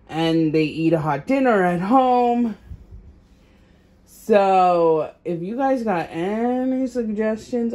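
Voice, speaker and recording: A woman's voice: lowish voice, darkish tone. A woman vlogging casually at home as a mom, chatty and rambling, thinking aloud with fillers as she goes. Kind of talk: casual grocery haul chat.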